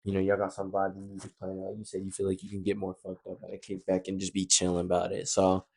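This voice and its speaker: A man's voice: low-pitched, monotone, fast talker, creaky, darkish tone. A young man co-hosting a podcast in a laid-back, agreeable casual chat. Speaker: podcast co-host.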